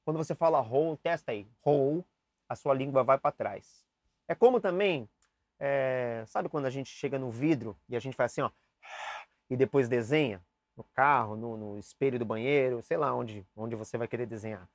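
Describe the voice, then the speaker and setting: Speaking at normal speed in a mid-range voice, a young man runs a casual saxophone basics lesson, chatting, demonstrating, and looking straight at the viewer. There's no room sound, and the audio comes from camera mics as the footage switches between cameras.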